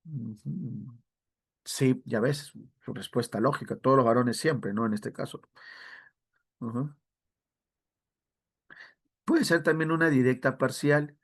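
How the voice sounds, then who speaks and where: A man teaching a language review class, explaining step by step, often adding a quick question tag and calling students by name. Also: mid-range voice.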